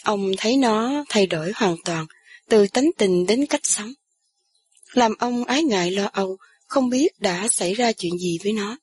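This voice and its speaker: A woman narrating an audiobook story in a steady, even storytelling manner. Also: mid-range voice, measured pace, slightly rough.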